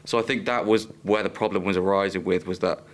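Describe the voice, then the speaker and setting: A man's voice: sits low, steady tone, quick pace. A young Welsh man co-hosting a podcast, casually explaining things in a laid-back way. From Wales. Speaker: podcast co-host.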